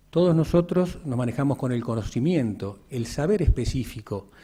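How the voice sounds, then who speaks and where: A man with an Argentine accent giving a formal academic lecture as an invited speaker at a symposium, measured and structured, with occasional restarts. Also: mid-range voice, warm tone. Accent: Argentine Spanish. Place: lecture hall.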